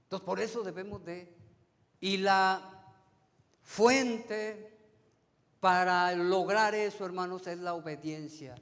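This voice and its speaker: A man preaching a sermon to his congregation. He calls them brothers, asks them rhetorical questions, and swings from emphatic rises to soft, trailing phrase endings. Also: sits high, fairly even intonation, slow pace, long pauses. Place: church sanctuary. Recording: long hall reverb of a church.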